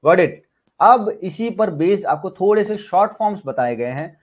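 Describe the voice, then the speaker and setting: A man's voice: sits high, lively intonation, normal speed, slightly rough. A man with an Indian accent teaching shorthand in an online class, explaining step by step and asking and answering his own questions. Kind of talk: online class lecture in Hindi-English mix.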